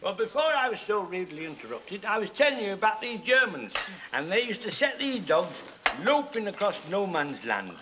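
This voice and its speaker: A man's voice: high-pitched, sing-song, normal speed. An actor playing a chatty older grandfather who rambles through joking war anecdotes in a 1970s TV sitcom. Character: chatty old male war veteran grandad, cheeky storyteller. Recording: hissy 1970s TV sitcom recording.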